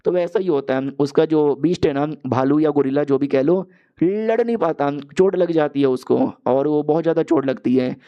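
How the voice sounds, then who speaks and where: A man's voice: a little high, normal speed, highs cut off. A young man narrating a story recap in a casual, chatty way, often calling listeners brother.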